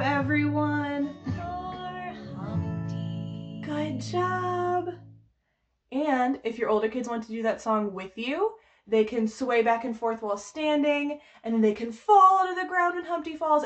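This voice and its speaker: Over music, a woman with a high-sitting voice and lively intonation runs a storytime for babies as a children's librarian. She reads a picture book aloud in an unhurried sing-song, coaching babies and parents with simple, encouraging exclamations.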